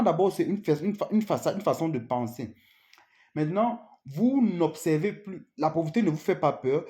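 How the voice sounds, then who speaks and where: A man's voice: fairly high pitch, dark tone. A man giving an unscripted motivational talk, speaking earnestly to the listener, often asking "you see?" and restarting his sentences. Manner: earnest, repeats "vous voyez?", restarts and stammers.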